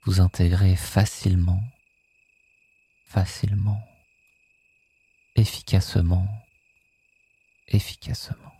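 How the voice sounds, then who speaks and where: Sleep hypnosis guide: hushed and soothing, dark mellow tone, slightly husky, extremely unhurried delivery. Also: low voice. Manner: soothing, hushed, with phrases echoed softly.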